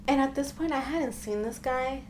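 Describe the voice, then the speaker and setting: A woman's voice: high-pitched, moderate pace, a little mellow, slight background noise. A young woman telling a personal dating story to her viewers in a casual, emphatic storytime style. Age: young adult. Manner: chatty and emphatic, often addressing viewers. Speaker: storytime vlogger.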